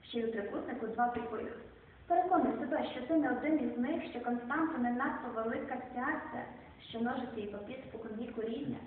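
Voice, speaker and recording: A woman poet reading her own verse and translated poems aloud, in a slow, measured recitation whose lines often fall quiet at the end. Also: a little high, slight background noise. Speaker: poet reading at a club evening. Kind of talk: poetry reading. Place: club or small hall. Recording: distant, echoey phone-quality room recording.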